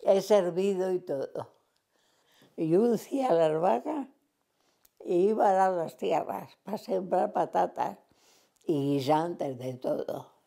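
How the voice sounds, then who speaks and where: Very old, gravelly woman. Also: fairly low pitch, expressive, takes it slowly, long pauses, dark tone. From Cantabria, Spain. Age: 100s. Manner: rambling reminiscing, acts out remembered dialogue. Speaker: interviewee. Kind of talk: oral history storytelling.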